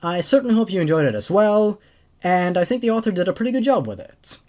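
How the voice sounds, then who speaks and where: Speaking fast in a high voice with big pitch swings and a slightly mellow quality, a twenty-something man hosts horror-story readings and offers commentary as a reviewer. He's in a small, dark room indoors, using a desk microphone mounted on a boom arm.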